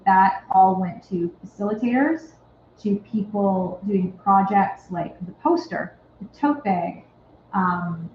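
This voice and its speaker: A woman's voice: medium pitch, slow pace, slight background noise. A woman on a festival board giving a casual presentation at an annual meeting, chatty and wry, with lots of ums and likes. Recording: echoey, phone-like tinny sound.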